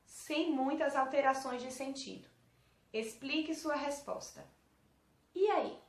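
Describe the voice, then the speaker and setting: A woman teacher with a Brazilian Portuguese accent, patiently correcting homework with young pupils and asking them questions. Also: high-pitched. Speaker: primary school teacher. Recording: echoey room.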